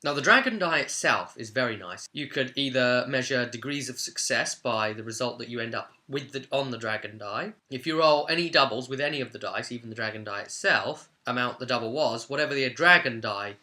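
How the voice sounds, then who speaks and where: A man presents an informal explainer on the rules of a tabletop game, enthusiastic and conversational. His medium-pitched, sharp-toned voice moves fairly quickly with hardly any pauses.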